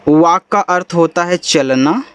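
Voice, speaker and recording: A man's voice: fairly high pitch, measured pace, a bit bright, smooth. A man teaching English in a spoken lesson, explaining spelling and pronunciation patiently in a casual, friendly way. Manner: casual and friendly, says bhai and yaar.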